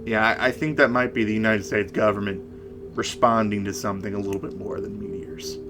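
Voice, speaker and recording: A man co-hosting a conversational paranormal case discussion, speaking in a halting way and repeating words. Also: lowish voice, fairly even intonation, noisy background. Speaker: podcast co-host.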